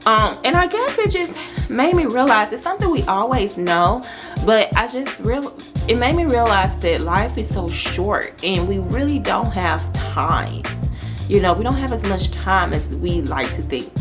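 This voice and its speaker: A woman in her thirties, a vlogger, sits and talks casually to the camera, chatty and full of fillers and restarts. Her medium-pitched voice has lively intonation and a slightly slow pace, with music playing in the background.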